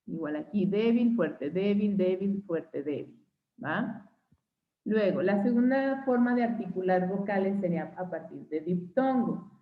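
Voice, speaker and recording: A woman's voice: mid-range voice, lively intonation, unhurried. A young Mexican woman teaching an online phonetics class, patiently spelling out examples and checking in with her students every few sentences. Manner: checks in with frequent "¿sí?" and "¿va?". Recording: tinny phone-like line.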